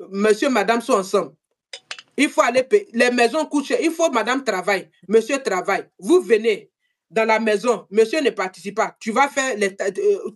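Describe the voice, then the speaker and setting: A woman hosting a live stream, talking in an animated way, repeating herself and turning to speak to viewers directly. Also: on the high side. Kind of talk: casual live-stream chat.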